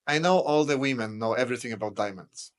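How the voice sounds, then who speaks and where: A man hosting an interview, asking brisk, direct questions. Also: medium pitch. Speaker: interview host.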